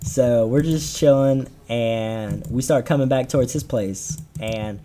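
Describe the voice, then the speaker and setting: Rambling slangy teen guy, mellow voice. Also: mid-range voice, a little slow, a little hiss or hum. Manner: rambling, slangy, lots of fillers and restarts. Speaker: podcast co-host. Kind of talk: casual storytelling chat.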